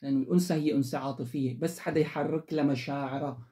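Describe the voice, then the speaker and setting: Guy rattling off advice fast, lecturing and repeating himself. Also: medium pitch, steady tone, mellow. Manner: emphatic, lecturing, repetitive instructions. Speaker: advice channel host. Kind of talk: direct-to-camera advice monologue.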